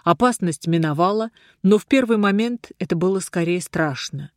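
An audiobook reader narrating a fantasy story in an even, measured storytelling manner. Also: mid-range voice, no room sound, studio quality. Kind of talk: scripted narration.

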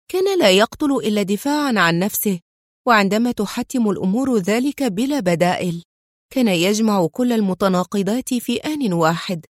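A woman's voice: mid-range voice, dry recording, clean studio sound, natural voice. A woman playing a fiery, indignant young woman. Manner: indignant, exclaiming. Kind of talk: audiobook character reading.

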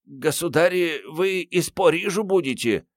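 A male audiobook reader voicing a frightened, servile old house steward who wheezes and pleads slowly. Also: fairly high pitch, expressive, dry recording, studio quality, voice pushed up. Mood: frightened pleading.

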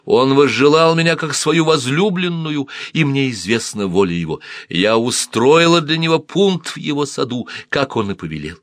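A man's voice: mid-range voice, normal speed, a bit bright, no room sound, pitched above the performer's own voice, close to an everyday voice. A male narrator voicing a defiant ancient queen-pharaoh, declaiming her words to her god with pride. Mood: proud proclaiming. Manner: declamatory, proclaiming.

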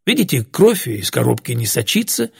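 A man's voice: mid-range voice, big pitch swings, moderate pace, gravelly, a little mellow, breathy edge, dry recording, clean studio sound, exaggerated voice. A man voicing a brash young man who talks impatiently and mockingly. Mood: exasperated. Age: young adult. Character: brash young man, cocky former army sapper.

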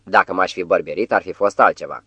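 A man voicing a vain, cheeky talking tomcat jester with a falsely warm, huffy manner. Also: deep voice, husky, no echo, exaggerated voice. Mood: offended.

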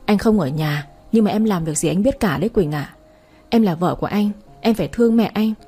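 A woman's voice: medium pitch, brisk, dark tone, slightly rough, faint music behind, natural voice. Woman doing a stern reproachful husband. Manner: reproachful, lecturing. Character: harsh reproachful husband, a man in his thirties.

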